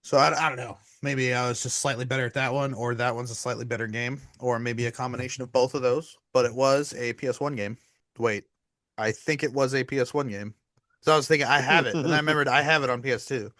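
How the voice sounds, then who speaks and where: Excitable man on a podcast. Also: medium pitch, fast, no room sound, clean studio sound. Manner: animated, swearing, laughing, gets carried away. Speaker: podcast co-host. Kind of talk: casual chat.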